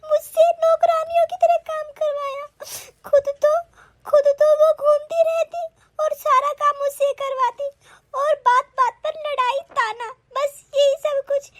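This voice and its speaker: A woman's voice: very high-pitched, flat delivery, a little slow, no room sound. A woman voicing a remorseful married sister-in-law in a Hindi cartoon, pleading tearfully for forgiveness.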